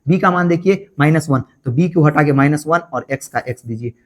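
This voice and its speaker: A man with a somewhat high voice teaches an online math class. He works through a problem step by step, asks the students a question at nearly every turn and answers it himself. He repeats key points in a coaxing way. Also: a little fast. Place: online class, voice over board writing.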